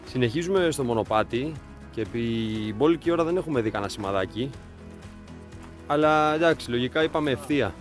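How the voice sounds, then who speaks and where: A man's voice: mid-range voice, lively intonation, soft background music. A young man casually narrating a hike on a forest trail to his viewers, joking and explaining the route as he walks, recorded on a camera mic outdoors. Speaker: vlogger leading a hike. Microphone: handheld camera mic.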